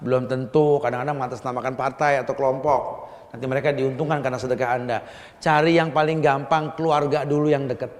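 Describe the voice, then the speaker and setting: A male preacher giving a sermon, moving between loud exhortation and soft, confiding asides. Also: mid-range voice, little pitch movement, quick pace, big-room sound.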